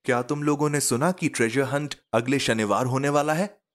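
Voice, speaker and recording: A raised, boyish voice for a wry schoolboy who mutters his complaints and teases his friends, as a man puts him on. It sits clearly higher than the narrator's own voice and carries a slow, grumbling edge. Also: close to an everyday voice. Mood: curious.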